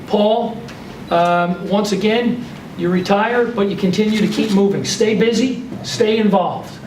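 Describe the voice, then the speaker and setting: A high-voiced man emcees a ceremony in brisk, repeated short phrases. He sounds distant in an echoey room with faint noise. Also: darkish tone. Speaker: bank executive. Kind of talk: emcee remarks.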